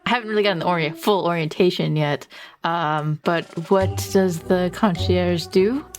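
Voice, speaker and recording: A woman's voice: on the low side, moderate pace. A woman playing a tabletop role-playing game, casually improvising her character's actions and asking questions. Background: background music.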